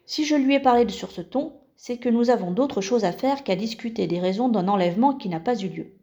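A woman's voice: on the high side, lively intonation, a little fast, mellow, lo-fi sound. A woman reading the lines of a determined, outspoken schoolgirl in a storybook. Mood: firm. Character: teenage girl, determined and blunt.

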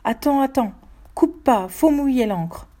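A desperate fisherman, an older brother, shouts urgent pleas as a woman reading the story aloud puts him on. His voice is raised and pushed higher than the reader's own, loud and strained. The tone stays dark and husky. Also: expressive, unhurried. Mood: urgent pleading.

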